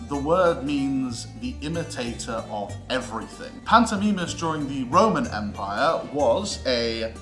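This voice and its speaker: A British man with a mid-range, fairly bright voice gives a scripted history lesson in a theatrical, mock-lecturing style, full of emphatic delivery and comic asides. The recording has a roomy echo, with guitar music playing underneath.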